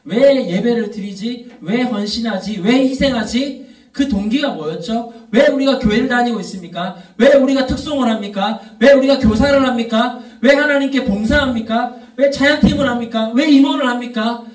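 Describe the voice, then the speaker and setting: High-voiced man preaching in an echoey hall. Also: normal speed, distant mic. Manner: storytelling, rising to emphatic repeated questions. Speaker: youth pastor. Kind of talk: sermon. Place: church worship hall. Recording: echoey room, voice from off mic.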